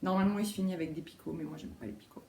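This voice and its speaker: A woman's voice: low-pitched, rapid-fire. A woman vlogging casually about her knitting, rambling with lots of fillers and correcting herself as she goes. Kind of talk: casual show-and-tell chat. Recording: roomy echo, faint background noise.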